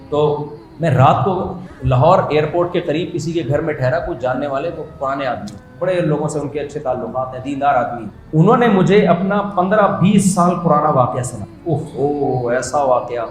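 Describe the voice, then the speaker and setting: A man giving a humorous sermon, conversational and jokey, building to animated emphasis. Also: on the high side. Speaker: Islamic preacher. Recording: roomy echo.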